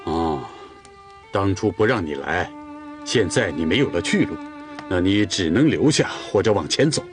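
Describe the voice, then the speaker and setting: A man's voice: low-pitched, expressive, normal speed, soft background music. An actor playing a dutiful young Torghut man who tends the khan's horses, in a period TV drama, firm and reasoning. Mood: grave. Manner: firm, reasoning, at times soothing. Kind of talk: television period drama acting.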